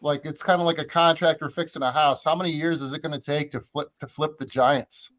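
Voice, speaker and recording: A man's voice: on the high side, fairly even intonation, brisk, fairly bright tone. Chatty man hosting a football panel. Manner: chatty, heavy use of "like". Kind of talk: casual sports talk.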